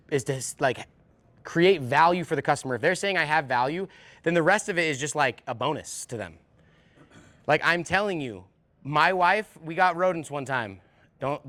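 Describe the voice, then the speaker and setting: A man with a slightly high voice rattles through a sales training at a rapid clip. He hammers points home by repeating them and acts out quick dialogues with customers. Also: fairly bright tone. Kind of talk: energetic training talk.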